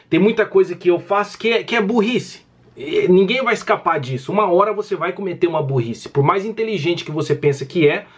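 A Brazilian man in his thirties vents to his viewers in a casual gaming vlog. His voice sits high and sounds husky. He talks emphatically and circles back to the same points again and again. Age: 30s. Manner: exasperated, emphatic, repeats himself. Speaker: gaming YouTuber. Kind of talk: casual vlog rant to camera.

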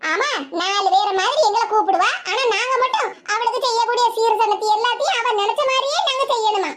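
A woman's voice: very high-pitched, background noise. A woman voicing a fiery older village mother who scolds her daughter sharply, with a Tirunelveli Tamil accent. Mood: angry. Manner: sharp, scolding, rapid-fire complaints.

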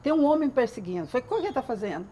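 Speaking in a rapid-fire way with a slightly high voice, this Brazilian woman from a women's police station tells funny anecdotes on a TV show. She's an animated, casual storyteller who laughs frequently.

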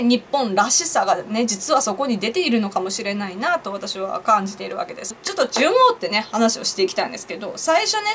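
A woman's voice: fairly high pitch, fairly bright tone, a little hiss or hum. A young woman vlogger chatting on her own to viewers, laughing at her own jokes and asking them questions. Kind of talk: casual solo commentary to camera.

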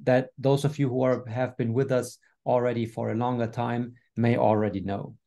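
A man's voice: medium pitch, level tone, normal speed, vocal fry, dark tone. A man hosting a business webinar over a video call, upbeat, with frequent fillers. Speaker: webinar host.

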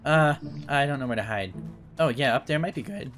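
Male gamer, casual chatty commentary, quick laughs and curses, game music under the voice. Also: mid-range voice, animated. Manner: laughs often, swears freely. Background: game music and gunfire.

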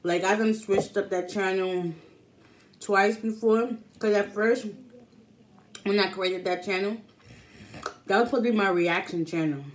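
A woman's voice: mid-range voice, measured pace, long pauses. A woman in her thirties chatting casually to the camera as she eats, often talking between bites. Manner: talks between bites, mouth often full. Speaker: mukbang vlogger. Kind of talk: casual chat to camera while eating. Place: small room at home, indoors. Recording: clear background room noise.

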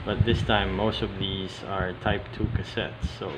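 This hobby video host's low-ish voice comes out hesitant and broken up as he presents items in a casual show-and-tell at a table indoors, often stopping partway through sentences. Loud, steady AC hiss and handling clicks make the audio very noisy.

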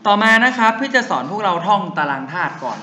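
A man's voice: high voice, big pitch swings, fast, bright, forceful tone, echoey room, dull audio, slight background noise. A young man teaching chemistry to a class, drilling memory tricks in a sing-song chant and calling himself their big brother. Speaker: chemistry tutor.

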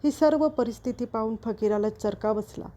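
A woman storyteller reading a novel aloud in a steady, even narration. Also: a little high, moderate pace.

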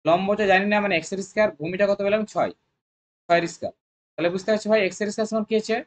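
Coaching-centre math tutor, mid pitch, rapid, drills students with constant questions. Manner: coaxing, repetitive. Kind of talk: exam-prep math lesson.

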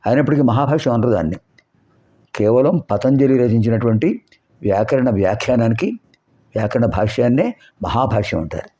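Expressive and mellow at a medium pitch, a Sanskrit teacher walks through grammar, using rhetorical questions and slowly repeating sounds so listeners can hear how they're pronounced. The recording is dull and lo-fi.

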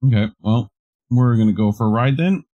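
A man's voice: medium pitch, a little fast, warm tone, dull audio, a little hiss or hum. A male co-host reading news articles aloud and breaking off with laughs and wry comments.

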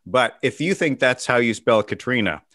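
A man's voice: mid-range voice, animated, normal speed, a bit bright, no echo, studio quality. A middle-aged man doing casual stand-up comedy over a video call, self-mocking and laughing at his own jokes. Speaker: stand-up comedian hosting a virtual show.

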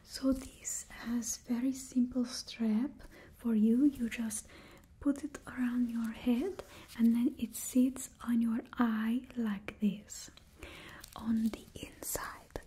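In a slow, steady, heavily acted whisper, a young woman voices a cheerfully ruthless stylist for supervillains, using a put-on Russian accent and dropping little words. Her voice is on the high side, mellow and slightly rough. This ASMR roleplay is recorded on a close mic in a small indoor studio with a backdrop, her face near the camera.

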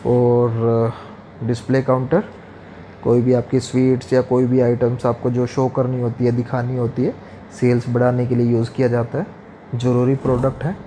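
A man in his thirties talks straight to camera, explaining and listing items in a steady, instructive manner. His voice is mellow and somewhat dark, at a middle pitch for a man. It is picked up close by a lapel mic in a small indoor room. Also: slight background noise. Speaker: restaurant equipment seller.

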